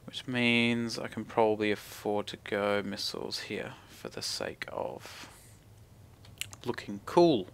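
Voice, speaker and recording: A young man, a gaming video creator with a broad New Zealand accent, casually thinks aloud over his gameplay at home, dropping slang and mumbled asides. He speaks slowly in a low-leaning, gravelly voice that is a bit bright.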